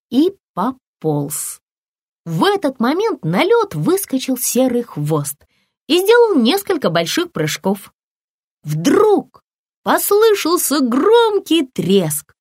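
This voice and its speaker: A woman narrating a children's audiobook in an expressive storytelling voice, recorded on a close microphone. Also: no echo. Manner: expressive storytelling with lively pitch.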